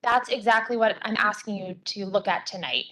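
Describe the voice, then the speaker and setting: A woman attorney giving public hearing testimony with a voice that is going hoarse, speaking earnestly with frequent ums and restarts. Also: medium pitch, normal speed, pushed and bright, slight background noise, rough recording.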